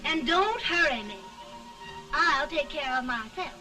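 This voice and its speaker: An actress in an early talkie film playing a self-assured, coquettish young society belle with a poised, tart delivery. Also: female voice, sits high, expressive, a little slow, far from the mic, poor audio. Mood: self-assured, coy. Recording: 1930 film soundtrack with music behind.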